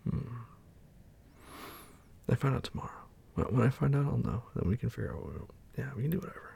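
A man softly murmuring and whispering in an intimate roleplay, soothing a partner back to sleep. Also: mid-range voice, animated, fast talker. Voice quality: husky and breathy. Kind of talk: whispered boyfriend roleplay ASMR.

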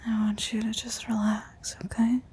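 A woman performing a whispered role-play as an affectionate lover, with a sultry, breathy, intimate murmur close to the microphone. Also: on the high side, level tone, moderate pace, darkish tone.

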